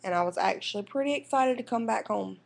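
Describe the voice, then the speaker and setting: A woman's voice: medium pitch, gravelly. A young woman from South Carolina, rambling through a casual life update at home into her computer's microphone. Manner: rambling and unhurried, with fillers and restarts. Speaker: vlogger and new mother. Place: indoors at home. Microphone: computer webcam microphone.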